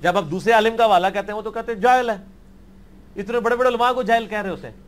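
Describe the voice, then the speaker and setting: A man answers questions in a blunt, dismissive, argumentative manner. His voice sits high for a man, and he brushes objections aside with short, firm replies. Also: steady tone. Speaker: religious scholar answering questions.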